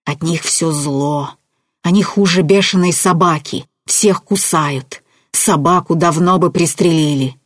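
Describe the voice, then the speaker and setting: Woman doing a gruff, hushed hunter father. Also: a little slow, no echo, studio quality. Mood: bitter. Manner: low, hushed, muttering. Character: gruff middle-aged hunter father, frightened and bitter.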